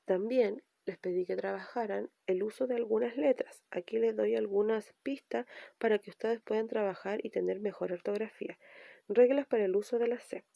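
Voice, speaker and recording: A woman's voice: medium pitch, fairly even intonation, normal speed, creaky, dark tone, no room sound. A woman teaching a recorded language lesson, patiently explaining and restating each point. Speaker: primary school teacher.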